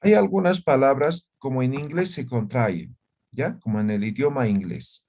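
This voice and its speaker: A man's voice: mid-range voice, normal speed, a little mellow. A man teaching an online language class over a video call, who checks in often with short questions.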